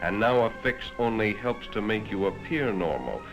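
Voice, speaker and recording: An American man with a fairly low pitch reads scripted narration expressively at normal speed, talking right to the listener. His grave, dramatic, moralizing manner echoes a 1960s educational film. The sound is lo-fi, a vintage 1960s film soundtrack with prominent music.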